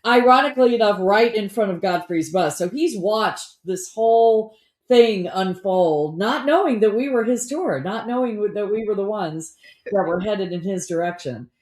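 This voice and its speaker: A woman's voice: medium pitch, unhurried, mellow. A woman co-hosting a podcast in casual, storytelling conversation, recorded in a roomy-sounding space. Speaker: podcast co-host.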